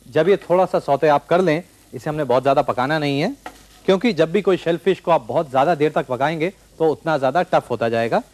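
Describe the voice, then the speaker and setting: A man in his forties hosting a TV cooking show, calmly explaining a recipe step by step from a studio kitchen set. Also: on the high side, a little fast. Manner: calm step-by-step instructing. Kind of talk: cooking demonstration.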